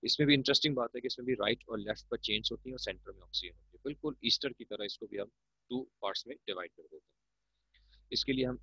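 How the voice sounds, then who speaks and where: A man's voice: medium pitch, fast, gravelly, sharp tone, husky, no room sound. A man with a Pakistani Urdu accent teaching chemistry, explaining patiently and calling his students "beta". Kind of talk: classroom lecture. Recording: muffled, dull lo-fi recording.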